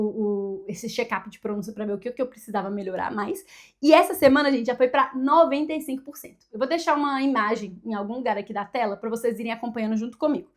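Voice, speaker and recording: Chatty high-voiced Brazilian woman. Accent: Brazilian Portuguese. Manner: chatty, thinking aloud with frequent tag questions. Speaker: vlogger. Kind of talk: casual chat to camera. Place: at her desk at home.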